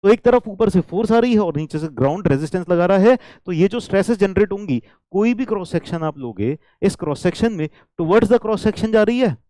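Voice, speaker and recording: Lively Hindi-speaking male engineering teacher. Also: high-pitched, brisk, hardly any pauses, no room sound. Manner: checks in often with the class, repeats key points; switches into English lines. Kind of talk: engineering lecture.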